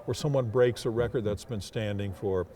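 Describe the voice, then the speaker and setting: An older man who works as a public address announcer reflects during an interview, speaking deliberately and hesitantly with formal wording. His voice is on the low side and warm.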